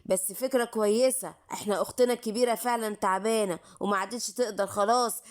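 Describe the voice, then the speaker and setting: A woman's voice: steady tone, quick pace, lightly acted. A woman voicing a sly scheming witch. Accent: Egyptian Arabic. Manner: sly, conspiratorial, lower voice. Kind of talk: children's bedtime cartoon voicing.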